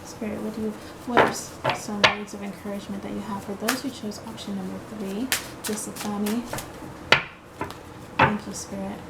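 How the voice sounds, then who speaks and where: Over very noisy surroundings, a woman with a mid-range voice does a casual tarot reading for her viewers. She speaks at a moderate pace with flat delivery, staying chatty and reassuring with lots of fillers and "okay?" checks, and English is her first language.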